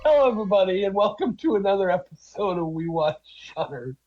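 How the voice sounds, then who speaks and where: A man's voice: high voice, lively intonation, fast talker, soft background music. A man hosting a casual group chat podcast, joking around, his voice muffled as if heard over an old telephone. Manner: joking, playful. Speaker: podcast host. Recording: muffled tin-can phone-like audio.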